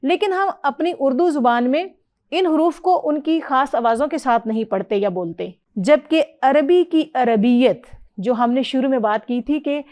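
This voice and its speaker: A woman's voice: high-pitched, warm tone. A middle-aged woman, teaching Quran reading and drilling letter sounds with a student. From Pakistan. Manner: patient, explanatory, models letter sounds clearly and praises.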